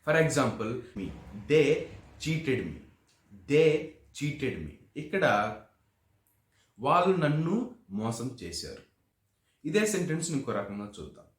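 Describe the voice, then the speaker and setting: A man's voice: medium pitch, sing-song, takes it slowly, pauses often. A male English teacher giving an explanatory video lesson, breaking sentences down word by word and often calling his listeners friends. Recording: echoey room.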